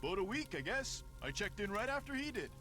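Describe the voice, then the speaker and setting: A gruff, boastful middle-aged Canadian construction worker from a mystery game. He talks high and bright, swinging his pitch all over as he brags. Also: big pitch swings, quick pace, soft background music, exaggerated voice. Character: folksy middle-aged male construction worker, lodge guest. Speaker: game character.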